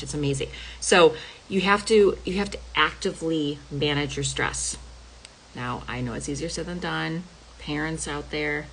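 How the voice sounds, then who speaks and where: Her low, somewhat bright voice comes through poor audio with a bit of background noise. This middle-aged health coach chats emphatically with her viewers in a casual to-camera talk, leaning on "y'all" and frequent "okay?" check-ins.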